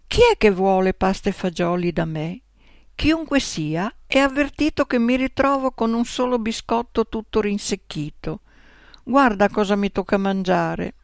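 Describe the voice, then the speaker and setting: A woman's voice: medium pitch, a little slow, vocal fry, no room sound, clean studio sound. A woman voicing a lazy, sassy female house cat who grumbles indignantly, in a storybook reading. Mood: timid.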